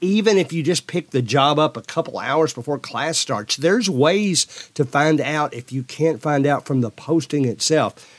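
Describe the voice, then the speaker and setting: A man's voice: on the high side, a little slow, no room sound. A man hosting a solo podcast, giving earnest advice to substitute teachers and repeating phrases as he finds his words. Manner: drops into a dull monotone for emphasis.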